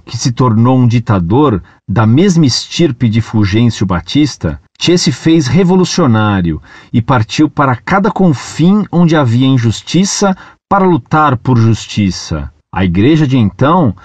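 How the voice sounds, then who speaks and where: A man reading a listener's letter aloud in a measured, deliberate way, phrases falling at the ends. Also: medium pitch, a little mellow, no room sound.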